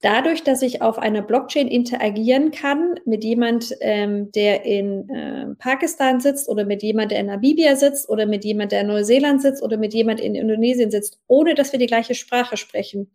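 Nachdenkliche deutsche Expertin im Interview. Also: female voice, on the high side, moderate pace, hardly any pauses, a little mellow. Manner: many fillers, explanatory and thoughtful. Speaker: blockchain expert guest. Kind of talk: spontaneous interview answers.

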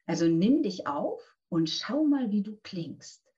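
A woman's voice: medium pitch, big pitch swings, slow pace, mellow, lo-fi sound. A woman in her fifties, a voice coach, answering interview questions in an earnest, direct way and giving practical tips. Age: 50s. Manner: earnest, direct, addresses listener with instructions.

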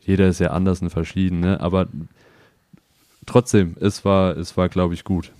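Man, guest guitarist, very low voice, dry close sound, calm, matter-of-fact. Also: moderate pace, no echo. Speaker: guest musician. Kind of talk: casual interview answers.

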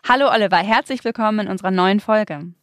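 A woman's voice: medium pitch, quick pace, slight background noise. A woman presenting as a children's show host, speaking directly to young listeners with simple scripted explanations and playful exclamations. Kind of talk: kids show hosting, scripted narration and questions.

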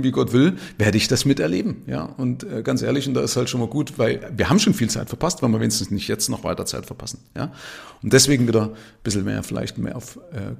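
Man, 50s, podcast host, gravelly voice, emphatic casual monologue. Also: medium pitch. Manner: emphatic, conversational, frequent tag questions.

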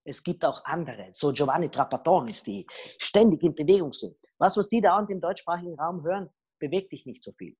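A middle-aged woman speaking as a guest expert on body language, telling lively stories full of acted quotes. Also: deep voice, fairly quick, breathy edge, muffled recording. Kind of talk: podcast interview.

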